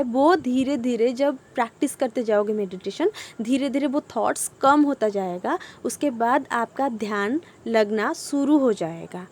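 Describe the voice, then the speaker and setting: Young woman with a slightly high voice, explaining meditation patiently in a casual tutorial. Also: a little mellow. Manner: patient, repeats points with frequent fillers. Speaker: meditation instructor.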